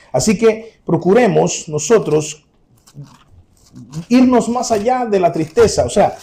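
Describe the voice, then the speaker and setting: Guy preaching, high voice with lots of gravel, keeps repeating himself, talking straight to the church. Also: warm tone. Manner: earnest, addresses congregation directly, repeats key points. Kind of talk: sermon.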